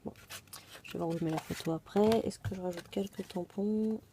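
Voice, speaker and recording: A woman's voice: mid-range voice, steady tone, moderate pace, dark tone, slight background noise. A woman casually narrating a scrapbooking tutorial, chatty and self-deprecating, often dropping to a murmur as she works. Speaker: scrapbooking demonstrator.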